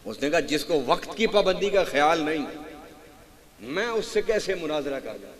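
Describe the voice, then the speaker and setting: A man giving a religious sermon, telling stories to a congregation and quizzing them, moving from hushed asides to loud raised passages. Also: a little high, expressive, in a large hall. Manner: tells anecdotes, swings from hushed asides to loud raised delivery, quizzes the audience. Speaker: preacher. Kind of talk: Urdu religious sermon with storytelling.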